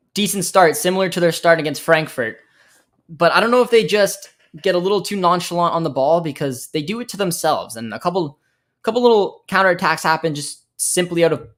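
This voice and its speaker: A young American man's voice, on the high side with a fairly bright tone, carries this casual live match commentary. He hosts a football watchalong, talking with viewers, reading chat, responding to the play, and thinking aloud with frequent fillers.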